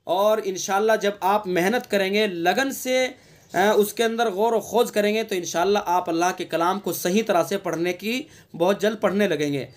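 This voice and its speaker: A man from India giving an online Quran recitation lesson. He explains the rules patiently, drills single sounds by repeating them, and recites verses in a slow, drawn-out chant. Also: high voice.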